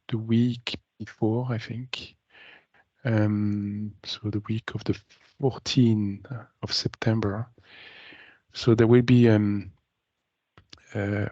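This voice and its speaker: A man on a video call explaining a planned demonstration to a meeting, halting often with ums and uhs. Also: on the low side, a little mellow, no echo. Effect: heard over a video call. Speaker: meeting participant presenting a demo. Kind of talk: business meeting update. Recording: dry, slightly muffled video call audio.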